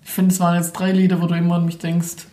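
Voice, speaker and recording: A woman's voice: fairly low pitch, completely flat delivery, fast, mellow, roomy sound. A young woman co-hosting a podcast, chatting casually and teasing her friend with frequent laughter. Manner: teasing, playful, laughs often. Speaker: podcast co-host. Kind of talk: casual chat.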